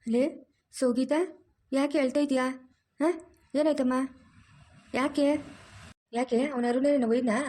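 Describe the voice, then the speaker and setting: A woman voicing a bossy, caring middle-aged village aunt, in a loud, scolding, teasing manner. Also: sits high, steady tone, unhurried, long pauses, voice pushed up.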